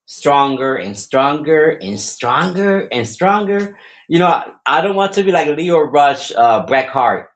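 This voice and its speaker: A wrestler in his forties hosts his podcast solo, with a medium-pitched voice and a fairly bright tone. His talk is casual and cheerful, and he rambles, often repeating his words.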